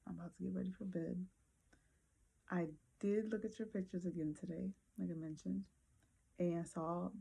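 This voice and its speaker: A woman talking casually to her viewers late at night before bed, thinking aloud with many pauses and fillers. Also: on the low side, gravelly, dark tone, husky. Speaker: vlogger.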